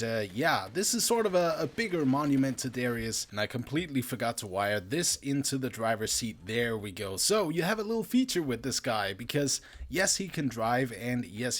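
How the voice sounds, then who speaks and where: A man in a mid-pitched, tired voice talks through a building game on his channel. His casual commentary keeps jumping up in excitement, with quick exclamations and laughs between explanations. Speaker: gaming YouTuber.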